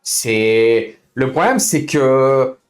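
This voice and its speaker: Over soft background music, a livestreamer who runs an online racing league chats and complains to other players in loose, slangy talk, often repeating himself. His mid-range voice swings widely in pitch, and he draws out his words.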